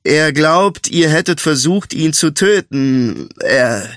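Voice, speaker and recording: A man voicing a level-headed male swordsman in an audiobook, urgent but trying to calm a heated standoff. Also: a little high, takes it slowly, dry recording, studio quality, exaggerated voice. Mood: urgent placating. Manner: urgent but calming, placating. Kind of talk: audiobook character voice.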